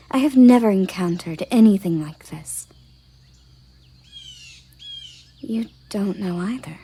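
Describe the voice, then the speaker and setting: In a scripted roleplay drama, a woman gives a natural-sounding performance as a proud, commanding elven guard captain, coming across as shocked and demanding. Her mid-range voice has a breathy edge, soft and often half-whispered, with formal, deliberate phrasing.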